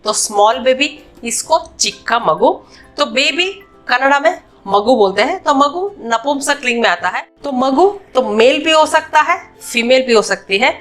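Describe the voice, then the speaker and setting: A woman teaching a spoken language lesson, patiently repeating each word pair and slowing down on the key words. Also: sits high, expressive, a bit bright, soft background music.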